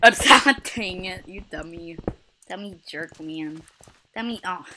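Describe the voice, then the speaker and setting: Excitable woman gamer who yelps and taunts, recorded over heavy noise and mouse clicks. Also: lowish voice, measured pace. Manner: yelps, laughs and taunts other players. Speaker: gameplay commentator. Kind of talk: excitable let's-play commentary. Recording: loud background noise with clicking.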